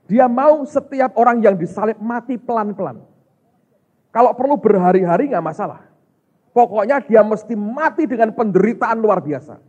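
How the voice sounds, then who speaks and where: A man, a pastor, preaching a lively sermon, acting out dialogue and calling the congregation "saudara". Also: sits high, normal speed, breathy edge. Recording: muffled, slightly lo-fi sound.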